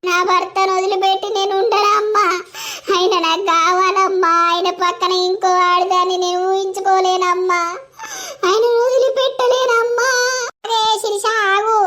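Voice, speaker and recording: A woman's voice: very high voice, level tone, normal speed, bright, forceful tone. A woman voicing a young village wife in a cartoon, pleading and sobbing in a Telangana Telugu accent. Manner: begging, sobbing delivery. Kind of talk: cartoon voice acting.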